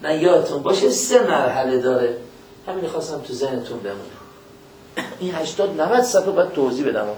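A man preaching a religious lecture, speaking in a folksy way, questioning his listeners directly and quoting scripture in a slow, measured cadence. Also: fairly high pitch, animated, a little mellow, a little hiss or hum.

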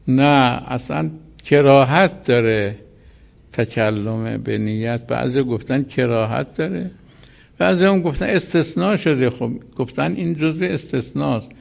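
A man teaching a seminary lesson on religious law, explaining slowly, repeating key terms and checking that his listeners follow. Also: medium pitch, vocal fry. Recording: dull lo-fi recording.

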